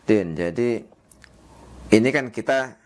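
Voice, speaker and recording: A man's voice: lowish voice, slow. A man hosting a casual talk show, asking questions and backing the guest with frequent hums. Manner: interviewer asking questions with many affirming hums. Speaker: host.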